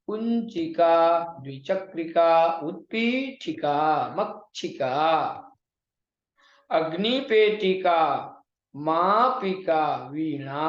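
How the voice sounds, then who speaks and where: A man gives an online Sanskrit lesson, pronouncing words carefully and slowly for his students to copy down. The recording sounds roomy and somewhat dull, as if captured in a bare room on a modest mic. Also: high voice. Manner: slow, drawn-out enunciation of words; explains in Hindi with questions to students. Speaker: Sanskrit teacher. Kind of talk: online exam-prep lesson.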